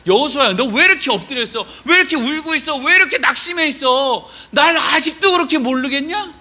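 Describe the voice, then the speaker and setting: A man's voice: extremely high pitch, lively intonation, brisk, bright, forceful tone, pitched above the performer's own voice, full character voice. A man voicing God as a fond, exasperated fatherly figure who coaxes with reproachful questions.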